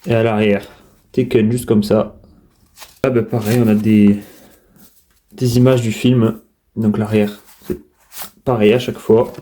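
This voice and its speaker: Dark-voiced man chatting through an unboxing. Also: fairly low pitch, flat delivery, measured pace, pauses often. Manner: chatty, hesitant, many fillers and restarts. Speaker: collector unboxing steelbooks. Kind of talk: casual unboxing commentary.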